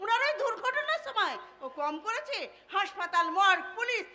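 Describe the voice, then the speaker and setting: A sharp-tongued scolding mother. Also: very high-pitched, big pitch swings, normal speed, heavily acted. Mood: sorrowful. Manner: scolding, emphatic stage delivery. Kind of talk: live jatra stage acting. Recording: live stage mic with music behind.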